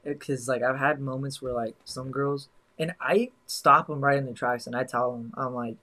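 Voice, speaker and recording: A young man talks through a casual podcast chat at an ordinary middle pitch. He rambles and leans hard on "like" and "you know" as he gathers his thoughts. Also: fairly even intonation, moderate pace, sharp tone, poor audio. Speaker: podcast co-host.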